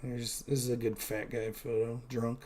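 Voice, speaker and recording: A man's voice: medium pitch, flat delivery, normal speed, a little mellow, slight background noise. A man in his thirties, chatting candidly on his own stream, rambling with many fillers and poking fun at himself. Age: 30s. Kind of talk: casual solo stream chat.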